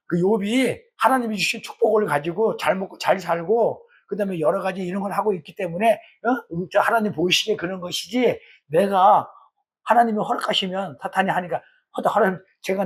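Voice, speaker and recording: A man's voice: high-pitched, husky. A middle-aged man, a pastor teaching a Bible study in a colloquial way, acting out the voices he quotes.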